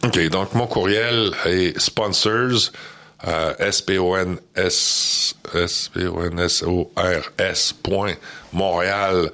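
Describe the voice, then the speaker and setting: A man, a guest on a radio interview, speaking hesitantly with many pauses and restarts. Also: deep voice, fairly even intonation, pushed and bright. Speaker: charity event organizer guest.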